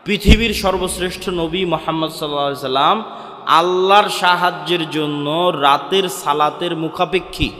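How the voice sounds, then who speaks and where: A man's voice: a little high, normal speed, pushed and bright. A man with a Bangladeshi Bengali accent preaching a sermon, asking questions and answering them himself. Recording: echoey hall.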